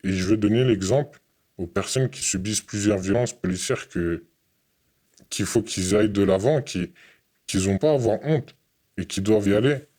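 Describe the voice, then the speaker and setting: A young man from France giving an earnest, halting interview testimony, often repeating his words. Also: fairly low pitch, mellow.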